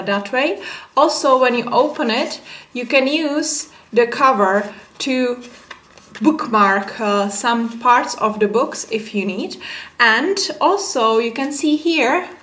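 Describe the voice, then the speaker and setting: In an echoey small room with a window, a young Czech woman speaks with her native accent while casually reviewing a book, full of filler sounds. She has a fairly high, slightly bright voice.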